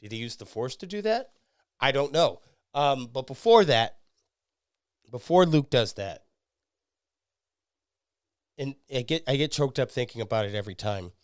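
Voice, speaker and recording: A man talks casually and excitedly as a podcast host, swearing freely and leaning on "uh" and "um" between thoughts. His voice is smooth and resonant, recorded dry and close with almost no room sound. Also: medium pitch, normal speed, long pauses, dry recording. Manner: excitable, swearing, frequent fillers. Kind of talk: casual fan commentary.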